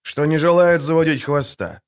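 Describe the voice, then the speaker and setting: A stern, weary witcher with a terse, patient way of talking, as a male audiobook reader plays him. The voice sits slightly high and stays even and controlled. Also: moderate pace, smooth, close to an everyday voice. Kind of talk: audiobook character voice.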